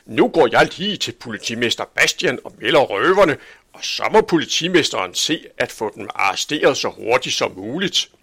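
Guy putting on a cranky yelling butcher in a kids storybook, high and raspy, bouncing all over. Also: lively intonation, no echo. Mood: grumbling. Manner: shouting, indignant, high-pitched outbursts. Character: angry, blustering middle-aged male town butcher. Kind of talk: storybook reading.

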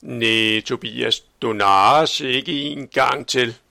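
Grumbling, offended townsfolk from a storybook, as a male reader puts them on. Their complaints come out low and gravelly, in a dry, close sound. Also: sharp tone, no room sound.

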